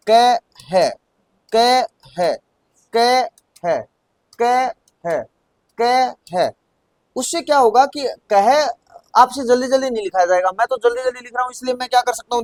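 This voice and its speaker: High-voiced man teaching typing. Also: dry recording. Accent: Rajasthani Hindi. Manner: patient, repeats words slowly while demonstrating. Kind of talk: hands-on lesson.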